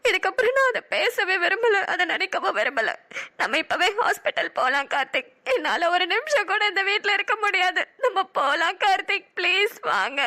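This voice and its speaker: A woman's voice: very animated, normal speed, exaggerated voice. A woman voicing a heartbroken young woman in a cartoon drama, speaking in a pleading, sobbing way. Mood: tearful. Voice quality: high bright girlish voice. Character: heartbroken young woman Kanmani, tearful and hurt.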